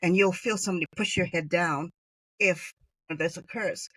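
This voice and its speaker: A woman's voice: lowish voice, normal speed, a bit bright, slightly rough, dry recording. A middle-aged woman from Hawaii, a podcast guest chatting through personal stories with many fillers. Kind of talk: conversational storytelling interview.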